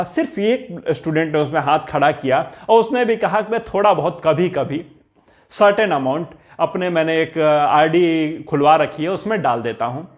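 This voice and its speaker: A man giving a motivational talk on money, urging his listeners on directly. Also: high voice. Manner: exhorting, addresses listeners directly. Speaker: motivational speaker.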